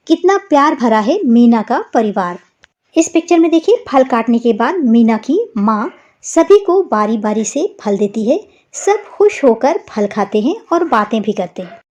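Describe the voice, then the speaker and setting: A woman's voice: high-pitched, darkish tone. Patient woman teaching young children. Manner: slow, patient, spelling out words for young pupils. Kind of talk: children's lesson explanation.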